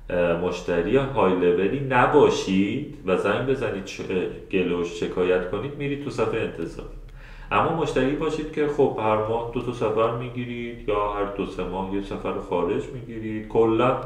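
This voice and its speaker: A man running a live webinar class, with a somewhat low voice, speaks in a loose, chatty way full of filler sounds and restarts. He turns straight to his listeners to take their questions. His computer mic picks up a strongly echoing room. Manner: addresses the audience directly and answers their questions. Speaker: webinar instructor. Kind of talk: live online teaching. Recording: very echoey room.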